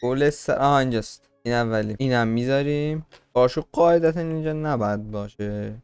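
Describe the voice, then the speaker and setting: A man's voice: medium pitch, darkish tone, smooth, no echo, soft background music. A man playing a horror game and commentating, jumpy and panicky, with frequent frightened outbursts. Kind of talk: let's-play commentary.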